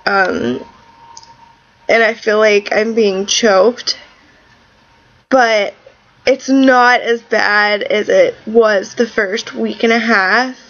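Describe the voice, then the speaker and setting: A woman's voice: medium pitch, steady tone, extremely slow, long pauses, fairly bright tone, muffled recording. A woman recovering from tonsil surgery with a sore throat, talking bluntly and with exasperation in a casual video diary. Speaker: vlogger.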